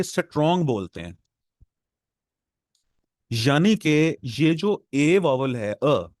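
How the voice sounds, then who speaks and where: A man with a Pakistani Urdu accent lecturing a class of exam students on translation, explaining patiently and repeating words slowly to drill them. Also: a little high, darkish tone, no echo, studio quality. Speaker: English professor lecturing exam aspirants.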